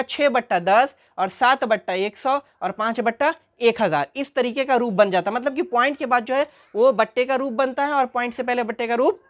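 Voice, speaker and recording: A woman teaching a math lesson who asks her class questions, answers them herself and repeats the key terms. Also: a little high.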